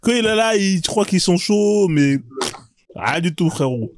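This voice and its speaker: A man hosts a casual live stream, his pitch sitting a little high and swinging widely. He laughs loudly and mimics the people he quotes. The sound is dry and close. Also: animated, a little slow, no echo. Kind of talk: casual chat.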